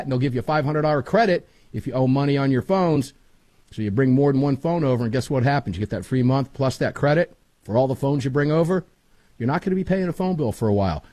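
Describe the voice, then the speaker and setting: A man's voice: medium pitch, mellow, no echo. A middle-aged man hosting talk radio in an emphatic, folksy way, repeating phrases for punch, on a studio mic. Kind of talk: radio show hosting with sponsor reads. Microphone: close studio broadcast microphone.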